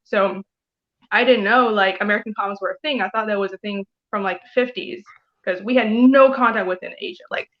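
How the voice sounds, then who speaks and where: A woman from Taiwan in her thirties chats as a guest, rambling loosely and filling her talk with "like" and "you know". Her voice sits at an ordinary middle pitch. The online call audio is dull and lo-fi. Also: brisk. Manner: chatty and rambling, heavy use of "like" and "you know". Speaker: guest comic artist. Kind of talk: casual interview chat.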